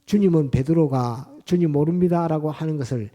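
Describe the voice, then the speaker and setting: Dark-toned preaching man. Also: fairly high pitch, fairly quick. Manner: emphatic, retells scripture scenes with vivid storytelling and repeated points. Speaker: pastor. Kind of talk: sermon. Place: church.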